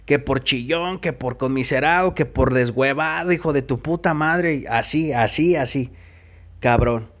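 A man's voice: mid-range voice, a little slow. A man with a Mexican accent giving a personal testimony in an interview, telling his story in an emphatic, profane way.

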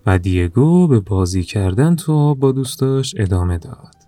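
A man narrating a children's story in a calm, even storytelling manner. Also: on the low side, soft background music.

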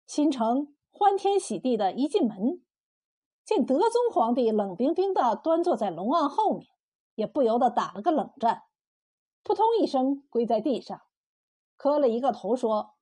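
A woman narrating a historical tale in a steady storytelling manner. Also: high-pitched, moderate pace, husky.

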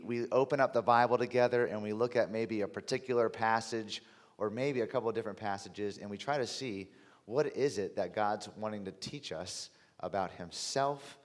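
A man preaching a conversational sermon in a deep, under-the-weather voice, with halting, emphatic phrasing. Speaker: pastor. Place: large reverberant room, preaching to a congregation. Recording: reverberant hall sound.

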